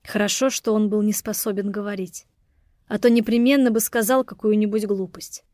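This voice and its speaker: A woman narrating an audiobook in a steady, expressive reading. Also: mid-range voice, moderate pace, no echo, clean studio sound. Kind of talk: scripted narration.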